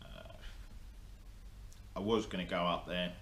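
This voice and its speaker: In his indoor workshop, a young man who vlogs about motorsport rambles casually to the camera in front of him, with ums and restarts throughout. The voice is deep and a bit bright, steady in tone and slow. Echo and a faint hum fill the room.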